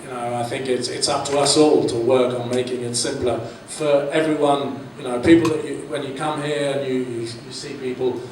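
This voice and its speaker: A man's voice: medium pitch, steady tone, normal speed, hardly any pauses, a little mellow. Hesitant man in an echoey conference hall. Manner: hesitant, many fillers. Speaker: audience member commenting. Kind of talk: conference Q&A comment. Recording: echoey hall from far off, room noise.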